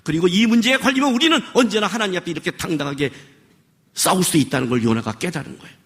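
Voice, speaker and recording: A man's voice: high voice, animated, fast, a bit bright. A man preaching as a pastor, scolding and firing off rhetorical questions. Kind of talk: sermon. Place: worship service.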